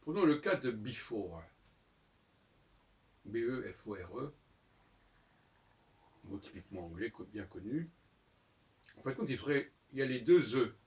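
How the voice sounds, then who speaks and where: Man, solo monologue, halting, many fillers, spells out letters, mid pitch, a bit distant from the mic. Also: animated, a little mellow, muffled recording. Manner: halting, with frequent fillers and restarts. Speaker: host of his own channel.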